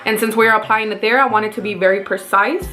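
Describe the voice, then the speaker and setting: A woman's voice: mid-range voice, steady tone, fast talker, bright, forceful tone, soft background music. A woman with a Mexican accent, chatting casually through a makeup tutorial as a beauty vlogger and talking viewers through each step.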